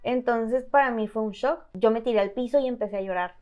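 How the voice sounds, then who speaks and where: A woman from Mexico telling her own story as a guest in an interview, halting and full of fillers and restarts. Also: fairly high pitch, darkish tone. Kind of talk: personal testimony in an interview.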